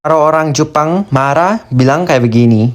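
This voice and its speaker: A voice announcing each topic with short, flat prompt-style lines. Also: medium pitch, normal speed.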